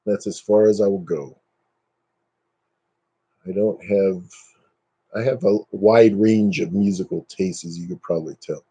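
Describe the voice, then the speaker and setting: A man's voice: deep voice, fairly even intonation, a little slow, pauses often, warm tone, slightly rough. A man in his fifties hosting a casual live stream, chatting and joking at his own expense. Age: 50s. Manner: joking, self-mocking, chatty.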